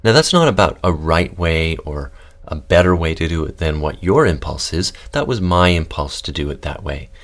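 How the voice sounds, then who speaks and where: A man with a very low, deep voice leads a podcast voice lesson. He talks in a calm, guiding way and walks listeners through each exercise step by step. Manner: calm, guiding instructions with demonstrations. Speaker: voice and text coach.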